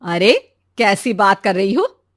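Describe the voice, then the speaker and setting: A woman's voice: mid-range voice, very animated, slow pace. A woman voicing a bossy but caring middle-aged mother who nags her daughter in a cartoon story. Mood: nagging. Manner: bossy nagging.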